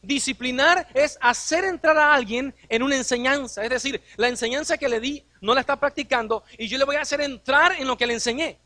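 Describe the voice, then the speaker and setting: A man's voice: extremely high pitch, a little fast, few pauses, sharp tone, no room sound. A man preaching a sermon as a pastor, posing rhetorical questions and acting out quoted dialogue.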